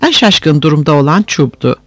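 A man narrating a story aloud in an expressive, animated way. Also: on the high side, normal speed, no echo.

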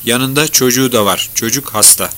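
A man voicing a kind-hearted grown man who speaks gently and reassuringly. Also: medium pitch, brisk, close to an everyday voice. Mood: gentle.

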